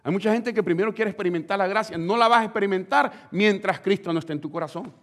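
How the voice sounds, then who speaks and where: A male pastor preaching a fervent sermon to his congregation, swinging between loud and hushed lines. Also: high-pitched, fast. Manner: addresses the congregation directly.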